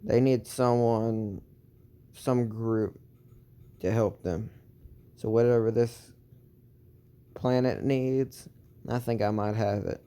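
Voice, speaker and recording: Guy doing a serious young soldier hero, slow and earnest, smooth low voice. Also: fairly even intonation, dark tone, close to an everyday voice. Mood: determined. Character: young male soldier hero, solemn and determined.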